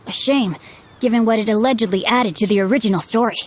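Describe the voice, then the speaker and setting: A woman voicing a polite, eloquent young gentleman in a video game, refined and articulate. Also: a little high, fast talker, slight background noise, natural voice. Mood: courteous, eager. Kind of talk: English video game voice acting.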